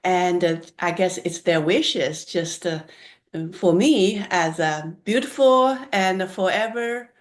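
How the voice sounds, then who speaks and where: A woman's voice: on the low side, expressive, slow. A woman from China, a holistic nutritionist guest on a podcast, speaking thoughtfully and sometimes searching for words. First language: Chinese. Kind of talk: podcast interview.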